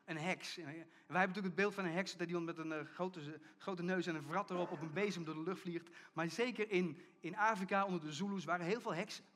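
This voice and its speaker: A middle-aged man preaching a sermon as pastor, telling a story and acting out the people in it, often dropping to a hushed tone for emphasis. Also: high voice, fast talker, few pauses. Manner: storytelling preacher, acts out quoted voices, drops to hushed emphasis.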